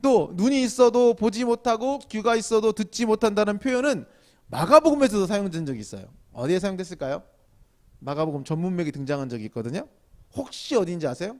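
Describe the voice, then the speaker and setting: A man's voice: high-pitched, lively intonation, fast, darkish tone. A male pastor giving a sermon in a chatty style, asking the listeners questions and acting out lines of scolding. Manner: conversational, asks the audience questions and acts out scolding quotes. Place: indoor church hall at a small evening gathering.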